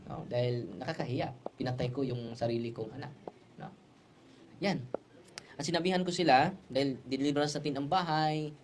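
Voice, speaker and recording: A man's voice: on the high side, a little hiss or hum. Male priest giving a sermon, tells it like a story, keeps throwing in little tag questions, faint ambience behind. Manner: mixes Tagalog, Cebuano and English. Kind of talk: preaching a sermon.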